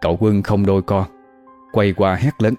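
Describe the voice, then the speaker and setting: Guy telling a spooky story, real deep low voice, faint music under it. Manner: steady, measured storytelling. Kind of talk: scripted horror story narration.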